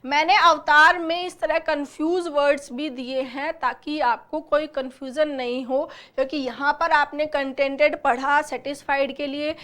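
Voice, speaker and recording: A woman's voice: high-pitched, a bit bright. A woman teaching an exam-prep vocabulary lesson, explaining word meanings and repeating synonyms while checking that students follow.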